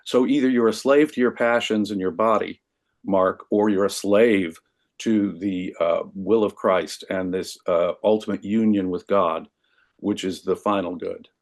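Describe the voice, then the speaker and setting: Male podcast guest, low register, lecturing style with dry humor. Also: steady tone, unhurried. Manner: lecturing, wry asides to listeners. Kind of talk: explaining philosophy history in podcast conversation.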